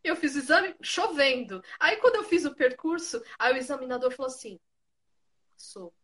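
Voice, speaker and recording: A woman hosting a casual video-call chat, an expressive storyteller who laughs easily. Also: sits high, fairly quick. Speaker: host.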